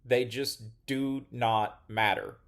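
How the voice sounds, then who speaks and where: A man hosting an investing channel, giving measured, critical finance commentary in a scripted style. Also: mid-range voice, fairly even intonation, creaky.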